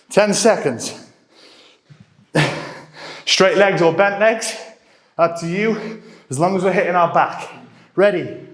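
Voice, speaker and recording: A man coaching a live workout, giving short encouraging commands and countdowns, a little out of breath. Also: fairly high pitch. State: getting out of breath. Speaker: fitness coach. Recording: roomy echo.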